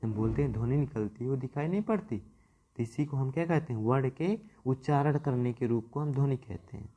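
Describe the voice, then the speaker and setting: A man's voice: mid-range voice, fairly quick, mellow. A man teaching a Hindi grammar class, repeating key terms, stretching words for emphasis and asking questions he then answers himself. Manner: repetitive, asks and answers own questions. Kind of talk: classroom lecture.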